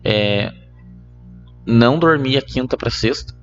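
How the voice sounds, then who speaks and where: A young man with a Brazilian Portuguese accent, a podcast guest telling a personal story in casual chat, animated and laughing between lines. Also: medium pitch, slow, muffled recording, soft background music. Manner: animated, laughs mid-story, many fillers.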